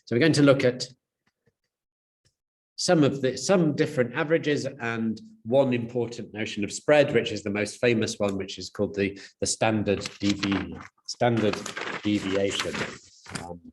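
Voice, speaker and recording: A man's voice: on the low side, normal speed. A man giving a university lecture, explaining step by step, with frequent fillers and restarts.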